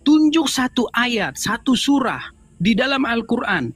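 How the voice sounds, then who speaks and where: High, bright-voiced man pressing his point. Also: big pitch swings, measured pace, breathy edge, dry recording, poor audio. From Indonesia. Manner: emphatic, repeats questions insistently. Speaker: channel host debating a caller. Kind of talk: heated live-stream debate.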